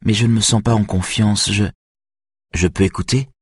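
Male reader playing an anxious young female violinist, higher and strained, audiobook. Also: steady tone, husky, no echo, clean studio sound. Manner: higher, tense, quick-tempered.

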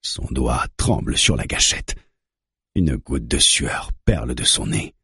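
A man reading a tense thriller aloud as narrator, in a measured, dramatic way. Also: rumbling low, animated, pushed and bright, breathy edge, no room sound, clean studio sound. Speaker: audiobook narrator.

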